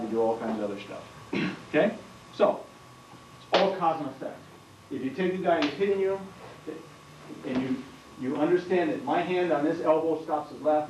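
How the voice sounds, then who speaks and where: A man's voice: mid-range voice, a little mellow, slight background noise. A man teaching a martial arts seminar, explaining moves while demonstrating on a partner and often asking the class questions. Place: training hall. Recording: roomy 1990s camcorder audio from far off.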